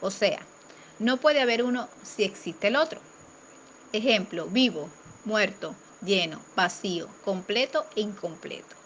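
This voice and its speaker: A woman teacher reading a grammar lesson aloud in a steady, careful way, slowing down for example words. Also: mid-range voice, slight background noise.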